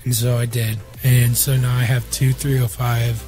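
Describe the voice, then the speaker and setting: A young man co-hosts a relaxed chat, his voice strained and worn from being sick. He rambles loosely through his stories and swears freely. Faint music plays under the talk. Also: mid-range voice, normal speed. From Iowa. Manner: profane, rambling storytelling. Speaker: podcast co-host. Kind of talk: casual chat.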